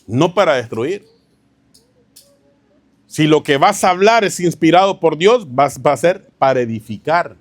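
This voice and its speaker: Higher-voiced man preaching a sermon. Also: expressive, unhurried, long pauses, no room sound. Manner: keeps asking the congregation rhetorical questions, addresses them as "hermano"; tells anecdotes with a chuckle, informal preaching. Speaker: pastor. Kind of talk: sermon teaching.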